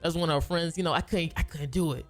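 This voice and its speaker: A man's voice: a little high, steady tone, fast, soft background music. A man who makes gaming videos tells a long story casually, rambling with slang and restarting his sentences.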